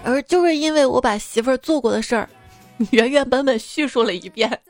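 A woman with a slightly high voice hosts a comic monologue, teasing and playful, laughing between jokes. Soft music plays underneath her. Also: a little fast, dry recording. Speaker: radio host.

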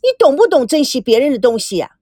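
A vain, coquettish lady who swoops up high in a shrill, affected sing-song, put on by a woman reading a storybook. She fusses and gushes over everything, and the voice is dry and close. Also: big pitch swings, unhurried, no room sound. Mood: shrill scolding. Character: flamboyant middle-aged woman, showy and coquettish.

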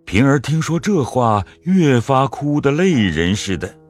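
Guy narrating an audio drama, lowish husky voice, lively delivery, soft music behind. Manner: measured, storytelling.

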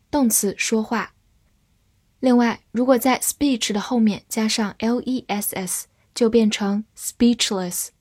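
A woman giving a scripted English vocabulary lesson, spelling words out letter by letter and reading example sentences slowly. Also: fairly high pitch, darkish tone, slightly rough, no echo, clean studio sound.

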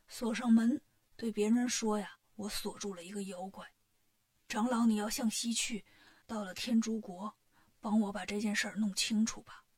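A gentle old abbot, as a woman storyteller voices him, telling a strange tale in a hushed, confiding tone. Softer and a little lower than her narrating voice. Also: lightly acted. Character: old male temple abbot, gentle and worried.

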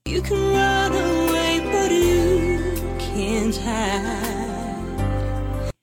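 High female pop vocal, very slow, with full band backing track. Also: loud music behind the voice. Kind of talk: recorded pop song vocal.

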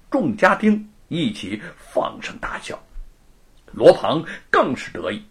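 A man narrating a story in a measured, scripted telling. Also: on the high side. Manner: slow, measured delivery.

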